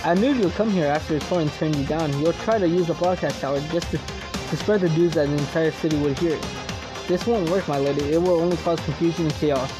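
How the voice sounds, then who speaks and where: A man voicing a stern, loyal male servant with a formal, reproachful delivery and a fairly high voice. Game music plays clearly behind him. The dialogue comes from a game's story. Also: natural voice.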